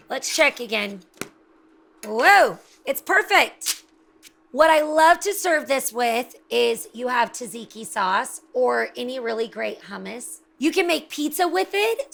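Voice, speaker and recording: A woman's voice: a little high, creaky, a bit bright. A woman hosting a home cooking show, chatting enthusiastically as she demonstrates a recipe. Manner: chatty and enthusiastic, exclaims over the food.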